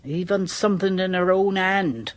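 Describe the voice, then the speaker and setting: Playing a village charwoman who is superstitious and deferential, this radio-drama actress uses a lowish voice, a rural English accent, and a halting, folksy way of speaking. Lightly acted, her delivery has the feel of hushed storytelling.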